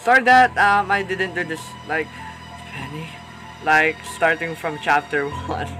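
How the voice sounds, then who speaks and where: A man's voice: a little high, measured pace, poor audio. Jittery young man panicking through a game. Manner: nervous, panicky, repeats "oh no" over and over. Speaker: gaming YouTuber. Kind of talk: let's play commentary. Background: game music.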